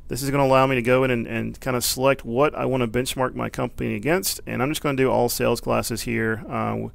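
Gravelly man explaining a screencast tutorial. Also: medium pitch, quick pace, no echo. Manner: relaxed, filler-heavy explaining. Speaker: business librarian. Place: office with bookshelves.

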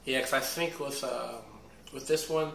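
Hoarse man hosting casual movie chat. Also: mid-range voice, fairly even intonation, moderate pace, fairly bright tone, slight background noise. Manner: laid-back, slangy, enthusiastic. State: hoarse, recovering voice. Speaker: host. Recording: echoey room.

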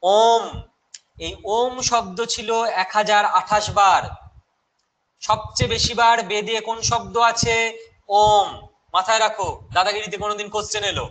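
Bright-voiced Bengali teacher, live online class. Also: male voice, high-pitched, steady tone, fairly quick, poor audio. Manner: chatty, mixes English terms, answers chat questions. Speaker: online exam-prep teacher.

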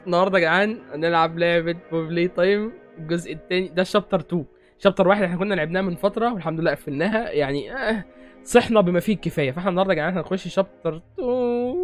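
A young Egyptian man hosting a horror game playthrough, rambling and joking nervously. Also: sits high. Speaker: gaming host.

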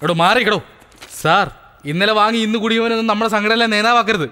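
A man's voice: high-pitched, fast, pushed and bright, smooth, big-room sound. An actor dubbing a blustering, bossy male politician in a film scene. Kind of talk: dubbed film acting.

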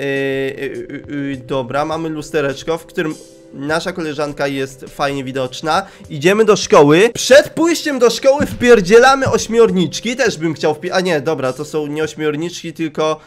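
A man's voice: fairly high pitch, normal speed, soft background music. A young man giving casual, joking let's-play commentary, chatting to viewers as a gaming YouTuber. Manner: playful, jokey, talks to viewers.

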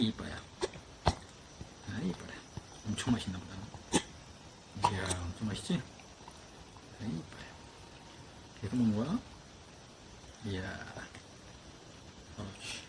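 A man talking casually to his pet dogs in cooing baby talk as he feeds them. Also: fairly low pitch. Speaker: dog owner vlogger. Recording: clear background noise.

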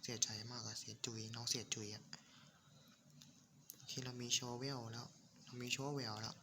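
A man's voice: medium pitch, steady tone, unhurried, gravelly, background noise. A man with a stuffy nose doing casual, rambling game commentary, joking with viewers and swearing now and then. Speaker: gaming YouTuber. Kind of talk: casual Minecraft let's play commentary. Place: home room at night. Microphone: desk mic.

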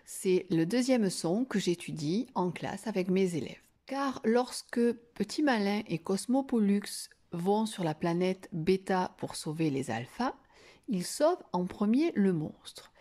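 Woman, schoolteacher, reading lesson for children, very slow, soft warm tone. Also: mid-range voice, expressive. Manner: slow, drawn-out sounding of syllables. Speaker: teacher.

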